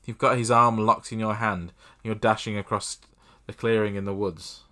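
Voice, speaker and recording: A young man casually playing a text adventure, reading the game's text aloud and adding deadpan, self-mocking asides at a desk mic. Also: fairly low pitch, normal speed. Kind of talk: casual let's-play commentary.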